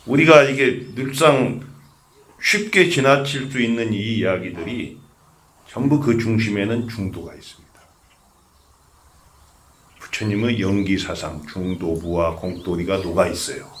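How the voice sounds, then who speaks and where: A man's voice: fairly low pitch, measured pace, long pauses, a bit bright, a little hiss or hum. An older man, a Buddhist monk, giving a conversational sermon that asks the audience questions and tells humorous stories. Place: temple memorial service.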